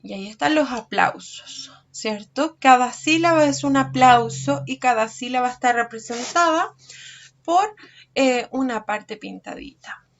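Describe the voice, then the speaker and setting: A woman with a cold teaches small children in an online lesson. She talks very slowly and patiently, stretching words out and checking understanding. The recording sounds dull and lo-fi. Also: sits high, animated. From Chile. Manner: slow, patient, checks understanding with frequent questions. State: has a cold. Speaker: preschool teacher.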